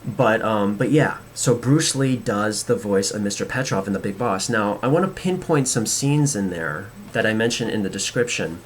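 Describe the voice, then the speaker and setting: Rambling low-voiced man. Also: animated, moderate pace, few pauses, a little hiss or hum. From United States. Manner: rambling, with frequent restarts and fillers. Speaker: podcast host. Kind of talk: casual podcast monologue.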